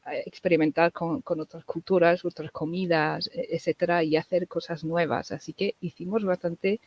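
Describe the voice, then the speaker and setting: A woman's voice: fairly low pitch, steady tone, moderate pace, darkish tone. A woman from England, a native English speaker, chatting casually as an interview guest in Spanish with an English-tinged Andalusian accent, hesitant and repeating words.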